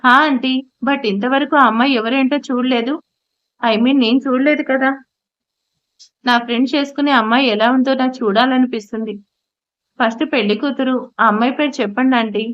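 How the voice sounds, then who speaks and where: A woman's voice: sits high, steady tone, moderate pace, close to an everyday voice. A woman voicing a torn young man in an audio story, speaking defensively and pleadingly. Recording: slightly muffled audio.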